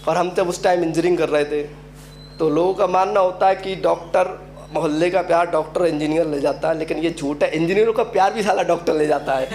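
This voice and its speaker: A young male stand-up comedian with a Uttar Pradesh Hindi accent tells stories and slips into characters in quick asides. His voice sits high for a man. A faint hiss runs under the recording. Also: darkish tone. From Uttar Pradesh, India.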